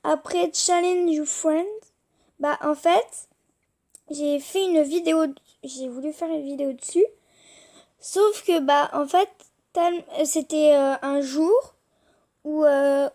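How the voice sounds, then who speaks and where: A woman's voice: high voice, warm tone. A young French-speaking woman rambling hesitantly with many fillers as she shows the apps on her tablet. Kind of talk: casual screen-recorded chat.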